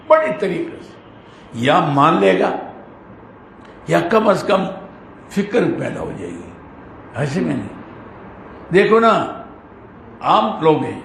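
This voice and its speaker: Man, Quran commentary lesson, earnest conversational delivery, slow Arabic recitation, gravelly voice, faint background hum. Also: high-pitched, a bit bright, echoey room. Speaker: Islamic scholar teaching Quran commentary.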